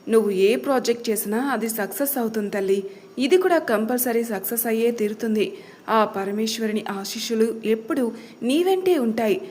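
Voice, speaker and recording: A woman voicing a gentle middle-aged father who dotes on his daughter in a storybook tale, soothing and indulgent. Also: fairly high pitch, expressive, normal speed, close to an everyday voice. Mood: loving.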